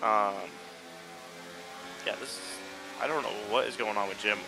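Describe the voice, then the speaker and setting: A man giving conversational motorsport commentary and analysis on an online race, with a gravelly edge to his voice. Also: lowish voice, measured pace, music in the background. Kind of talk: conversational analysis in live sim racing commentary. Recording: clearly noisy background.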